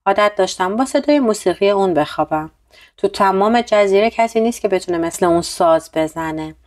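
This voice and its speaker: A woman's voice: medium pitch, expressive, darkish tone, natural voice. A woman reading as a rich old merchant. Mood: mournful. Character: rich grieving older male merchant.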